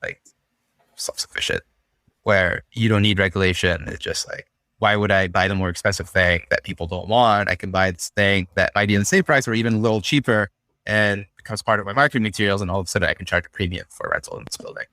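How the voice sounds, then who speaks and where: A young man from Syria, a podcast guest, talking through ideas in a relaxed, thoughtful way with frequent fillers. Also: fairly low pitch, fast, dry recording, studio quality. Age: young adult. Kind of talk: casual conversational interview.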